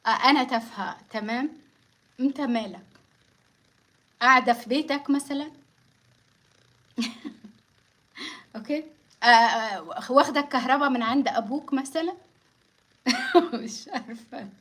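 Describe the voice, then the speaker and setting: A woman with an Egyptian accent talks to her live-stream viewers over a phone at home. Her voice sits high and she answers critics with sarcastic defiance, laughing often between lines. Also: animated, normal speed, long pauses, slightly rough. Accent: Egyptian Arabic. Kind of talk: casual live-stream talk.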